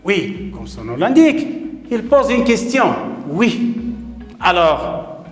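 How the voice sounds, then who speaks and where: A man teaching a grammar lesson to children, slow and emphatic, repeating key words and praising answers. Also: high voice, sing-song, echoey room, big-room sound, faint music behind. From Morocco. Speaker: primary school teacher.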